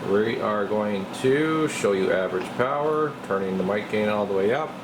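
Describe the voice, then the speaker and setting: In an indoor radio repair workshop, a man with a lowish voice walks through a repair at a moderate pace. He talks like a radio technician, casual, folksy and full of slang. A steady, clear background noise runs under the recording.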